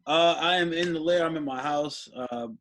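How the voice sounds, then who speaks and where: A man's voice: fairly high pitch, normal speed, a bit bright. A man in his thirties from Brooklyn with a Brooklyn accent, chatting casually as a comedy guest in an interview. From Brooklyn, New York. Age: 30s.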